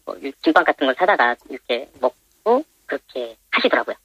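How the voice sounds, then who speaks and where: Guy with anonymized altered voice giving interview answers, quick but halting, dull phone-like sound. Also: big pitch swings, fairly bright tone, slightly rough, dry recording. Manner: halting, polite and explanatory. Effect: voice disguised by pitch-shifting for anonymity. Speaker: minibus driver interviewed anonymously. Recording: dull, band-limited phone interview audio.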